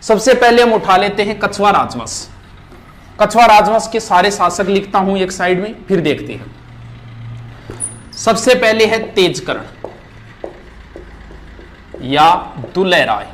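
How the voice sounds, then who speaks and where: Fast-talking history teacher. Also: male voice, high voice, fairly bright tone, slight background noise. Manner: rapid, list-like recitation. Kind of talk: fast exam revision lecture at a board. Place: classroom with board.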